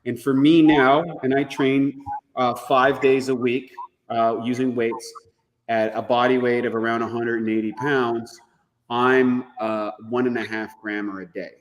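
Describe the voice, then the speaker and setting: A man's voice: medium pitch, flat delivery, measured pace, in a large hall. A man talking about supplements as a guest expert on a health show, earnest and explanatory. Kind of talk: casual health talk.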